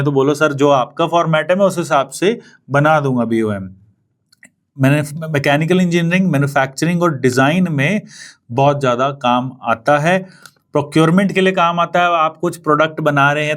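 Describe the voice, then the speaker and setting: Young trainer from India, slightly high voice, casual and example-driven, switching between Hindi and English. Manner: mixes Hindi and English, explains with everyday examples. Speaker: CAD trainer. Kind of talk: casual classroom explanation.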